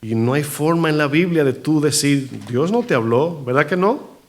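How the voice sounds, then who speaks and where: A man preaching a sermon in a church, animated, asking the congregation rhetorical questions. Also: on the high side, normal speed. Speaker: pastor.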